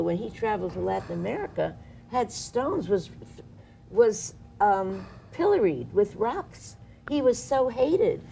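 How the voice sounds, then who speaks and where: Woman with a low gravelly voice. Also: warm tone, a little hiss or hum. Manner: impassioned, sarcastic political commentary. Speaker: activist guest. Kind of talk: studio panel discussion. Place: studio.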